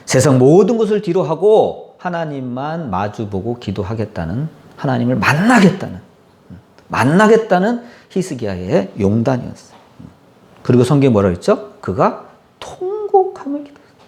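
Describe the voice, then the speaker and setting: Male pastor, fervent sermon delivery, gravelly and animated. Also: medium pitch, normal speed. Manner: impassioned, acts out prayers and quotes, asks the congregation.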